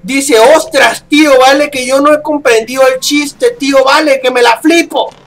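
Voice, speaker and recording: A man with a put-on Spain Spanish accent voicing a mocking young male commenter from Spain, drawling in slow, smug mockery. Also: very high voice, steady tone, fairly bright tone.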